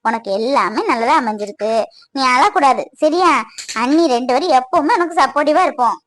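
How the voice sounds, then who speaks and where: A woman's voice: high-pitched, fairly quick, a bit bright. A woman voicing a caring sister-in-law in a cartoon, soothing and reassuring. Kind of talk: cartoon voice acting.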